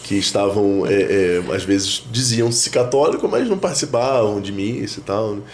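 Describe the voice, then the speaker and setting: Man in his thirties, a priest, low voice, thoughtful chat with lots of restarts, slight hiss underneath. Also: expressive, moderate pace. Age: 30s. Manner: reflective, many fillers and restarts. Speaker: priest, guest. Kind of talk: casual conversation.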